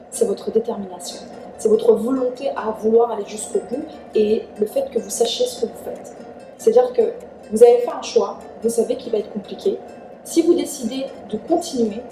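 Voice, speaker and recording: Mellow-voiced Iranian-born woman, echoey room. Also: a little high. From Iran. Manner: earnest, chatty, frequent "en fait". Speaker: vlogger. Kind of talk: casual advice vlog. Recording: echoey room, distant mic, faint music.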